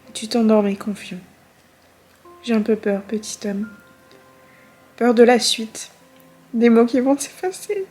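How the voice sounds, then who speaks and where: A woman's voice: on the high side, a little slow, pauses often, warm tone, faint music behind. A woman reading aloud in the voice of an elderly grandmother who looks back on her life with grief and tenderness. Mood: tender.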